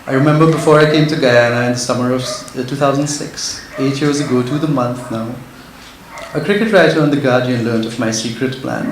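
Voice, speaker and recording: A man's voice: medium pitch, brisk. A man reads a prepared literary talk as an author, sounding nervous and earnest. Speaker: author giving a speech. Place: echoey indoor event venue. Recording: very echoey hall, faint background noise.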